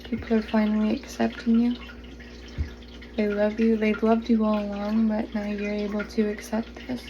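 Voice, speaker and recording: A woman giving a channeled tarot reading to the viewer, speaking gently, slowly and reassuringly, drawing out her words. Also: mid-range voice, monotone, muffled recording, noisy background. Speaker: tarot reader. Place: home, pets nearby.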